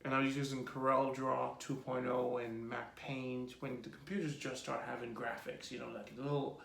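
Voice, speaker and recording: A man in his fifties with a Jamaican accent, telling his life story in a relaxed, rambling interview with many ums. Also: medium pitch, normal speed, gravelly, slight background noise. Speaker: host being interviewed by his daughter. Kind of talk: casual personal interview. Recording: echoey room.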